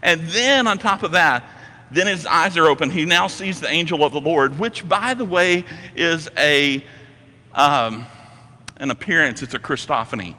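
Male pastor, forceful and bright tone, storytelling sermon delivery, echoing sanctuary. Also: a little high, animated, moderate pace. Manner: emphatic storytelling with repeated phrases.

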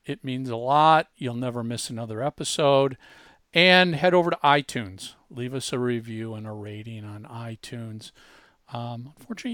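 A medium-pitched, somewhat bright male voice, recorded dry with clean studio sound, belongs to a podcast host. He speaks conversationally, demo-style, with emphasis and halting, repeated word starts.

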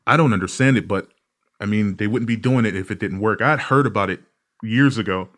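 Male podcast host, low voice, profane animated ranter. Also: a little fast. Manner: profane, ranting, animated storytelling. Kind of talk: casual comedic podcast monologue.

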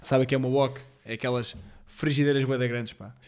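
A man's voice: medium pitch, fairly even intonation, a little fast, darkish tone, clean tone. A man in his twenties with a European Portuguese accent, rambling through a casual solo podcast with lots of slang and fillers. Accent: European Portuguese, Lisbon slang. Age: 20s. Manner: rambling, slangy, self-deprecating, many fillers; apologetic about being jittery and off rhythm. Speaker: podcast host.

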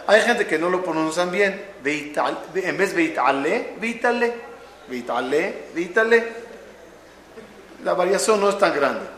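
Recorded in an echoey room with a little hiss or hum, this man's voice is fairly high and a bit bright. He leads a Torah class before a live audience, sharing stories and asking the audience questions.

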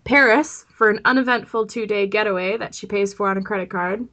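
A woman co-hosts and produces a podcast, casually chatting and sometimes reading out a synopsis, informal, opinionated and quick to laugh. Her voice is medium-pitched, pushed and bright, moving a little fast.

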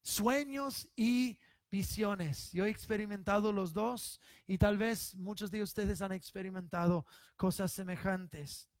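A man preaching a sermon as pastor to his congregation, emphatic and swelling to loud stressed lines. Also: sits high, flat delivery, normal speed, hardly any pauses, dry recording.

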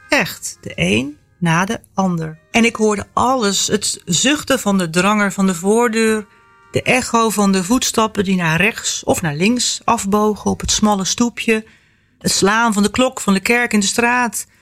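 A woman author reading from her own novel, then talking about the memories behind it in a lively, storytelling way. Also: medium pitch. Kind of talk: novel reading and personal reflection.

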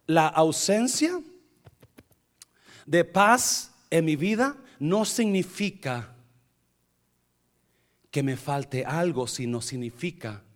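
A man delivers a sermon in a high, very animated voice. He repeats phrases for weight, checks in with his listeners by asking whether they follow, and slips in English fillers. His delivery swings between loud, emphatic peaks and low, quiet passages. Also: slow pace, long pauses. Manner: repeats phrases for emphasis, asks the audience questions. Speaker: preacher.

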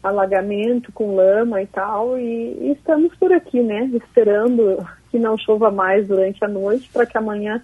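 A woman mayor being interviewed over a crackly phone line, talking haltingly and repeating words. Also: mid-range voice, slightly rough. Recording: tinny breaking-up phone line.

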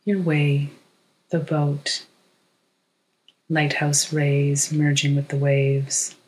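A narrator gives a guided meditation in a hushed, measured voice, reading short poetic phrases with long pauses. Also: mid-range voice, flat delivery, rough recording.

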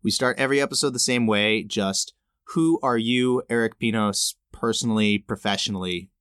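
A male podcast host with a lowish voice delivers a composed, scripted opening, then moves into easy, friendly questions. The sound is close and dry, with no room in it. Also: moderate pace, fairly bright tone, clear, resonant tone, dry recording. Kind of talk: scripted intro, then interview chat.

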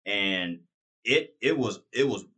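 A man's voice: lowish voice, animated, slow pace, bright, forceful tone, slightly rough. A man interviewing a former player, rambling and enthusiastic, with many restarts. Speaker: interviewer and radio commentator. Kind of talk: casual interview.

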